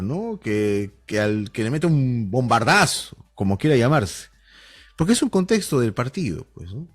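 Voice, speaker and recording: A man from Huánuco with a Peruvian Spanish accent, teaching an online class in a jokey, animated way and acting out bits of street slang. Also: medium pitch. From Huánuco, Peru.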